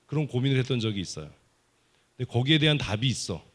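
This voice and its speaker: A man preaching a children's sermon at a summer Bible school service in a church, playfully teasing and quizzing the kids with quick questions. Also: medium pitch, animated. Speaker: pastor. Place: church sanctuary.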